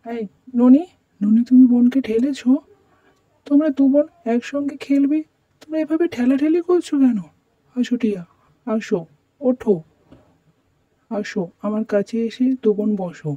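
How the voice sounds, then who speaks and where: A woman voices a motherly doll who gently lectures her daughters. Her voice is fairly high and very mellow. The lo-fi recording sounds dull and dry. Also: moderate pace, pauses often, dry recording. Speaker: storyteller voicing the mother doll. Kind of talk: doll role-play storytelling.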